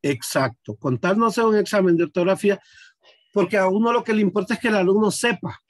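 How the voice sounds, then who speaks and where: High-voiced male teacher walking through a lesson. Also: brisk, dry recording, clean studio sound. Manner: explains step by step, asks students questions. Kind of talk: online class demonstration.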